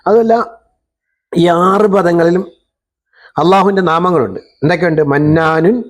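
A man leads a reading lesson, his voice a little higher than most. He says words slowly and deliberately, then pauses for a student to repeat them back. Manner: slow drawn-out recitation of words for repeating. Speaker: Quran reading teacher. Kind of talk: patient call-and-response lesson.

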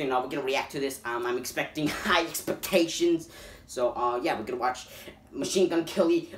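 A man hosting a reaction video, excitable and swearing constantly, breaking into loud yelps of disbelief. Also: medium pitch, a little hiss or hum. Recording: echoey room.

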